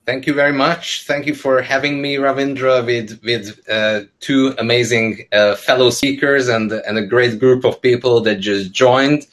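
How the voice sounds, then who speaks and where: A Hungarian entrepreneur in his thirties describes his work to a webinar panel over a video call from an indoor room, speaking casually with lots of fillers and restarts. His medium-pitched voice is fairly bright, with fairly even intonation, a measured pace and few pauses.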